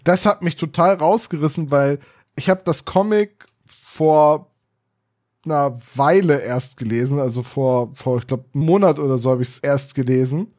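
A man's voice: on the high side, moderate pace, darkish tone. A man making wry, joking remarks in casual discussion as a podcast co-host.

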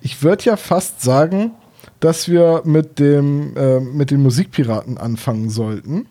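With a slightly high, warm voice and an unhurried pace, this thirty-something man co-hosts a relaxed podcast discussion of books and audio dramas, laying out his explanations in careful detail.

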